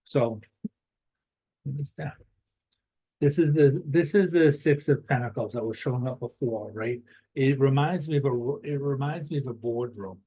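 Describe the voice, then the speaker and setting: A man's voice: mid-range voice, normal speed, dark tone, breathy edge, rough recording. Casual male tarot reader, chatty. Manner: conversational, keeps adding "right?" after phrases. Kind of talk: casual tarot reading monologue.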